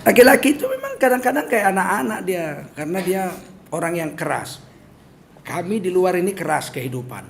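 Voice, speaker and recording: A middle-aged man with a Medan accent preaches in a high, bright voice, joking with the congregation and acting out small scenes as he goes. A faint room ambience sits behind him. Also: slight background noise. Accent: Medan Indonesian. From Medan, North Sumatra. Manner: joking and animated, acting out little scenes in asides. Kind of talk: humorous sermon.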